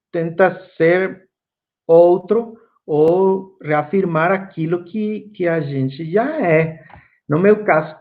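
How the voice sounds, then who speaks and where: In a phone-quality recording, a Guatemalan man with a Guatemalan Spanish accent delivers an online course lecture. Spanish is his native language, and his fairly high-pitched voice moves slowly and reflectively with many fillers.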